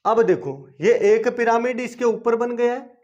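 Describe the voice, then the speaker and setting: Male teacher with a very high voice, self-answering questions, dull lo-fi recording. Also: moderate pace, darkish tone. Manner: asks questions and answers them himself; repetitive, coaxing teaching. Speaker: chemistry teacher. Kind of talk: classroom-style video lesson. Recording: dull lo-fi video lesson recording.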